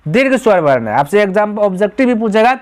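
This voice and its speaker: A man's voice: high voice, sing-song, quick pace, darkish tone. A man teaching a grammar lesson. He explains step by step, asks the students rhetorical questions and answers them himself, and calls them "my brother.".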